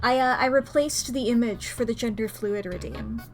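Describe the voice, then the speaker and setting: A woman's voice: fairly high pitch, normal speed. An American woman chatting casually on a game livestream in a playful, giggly, rambling manner. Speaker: game streamer hosting a livestream. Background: background music.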